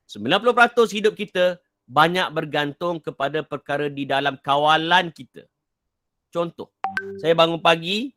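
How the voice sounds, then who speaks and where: Bright, forceful man giving a motivational talk. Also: on the high side, no room sound, clean studio sound. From Kelantan, Malaysia. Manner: repeats key points, quizzes listeners, reads out chat answers. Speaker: motivational speaker. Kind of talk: live online motivational talk.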